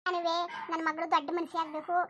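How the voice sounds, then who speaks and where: A rapid, very high voice of a protective village mother, as a woman puts her on in a cartoon. She moves between sharp scolding and tender coaxing in rustic village speech. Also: level tone, slight background noise. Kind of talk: cartoon voice acting.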